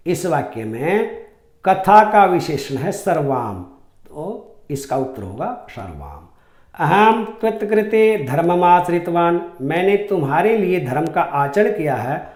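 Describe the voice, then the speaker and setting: A male Sanskrit teacher, reading each line out and then translating it for his pupils. His voice sits a little high, and he talks slowly and deliberately. The room behind him rings with echo. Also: very animated, a little mellow. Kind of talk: classroom lesson explaining a Sanskrit text.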